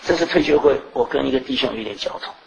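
A woman's voice: very deep voice, quick pace, gravelly. Earnest woman preaching in a roomy echo. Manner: earnest, full of rhetorical questions and repetition. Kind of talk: sermon.

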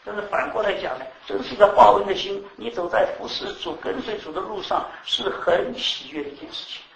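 A man preaching to a class, animated, repeating words and quizzing the audience. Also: sits high, brisk, vocal fry. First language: Chinese. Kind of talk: sermon to a class. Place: teaching room with live audience. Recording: echoey room, mic at a distance.

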